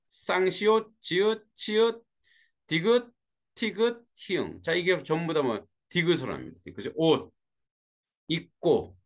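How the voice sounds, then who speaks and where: A male teacher walks his students through a grammar lesson, his voice rising and falling as he explains. He checks in with the class after each point and stays conversational. He is teaching from a warm room with a fan. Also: fairly high pitch. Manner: greets students by name as they join.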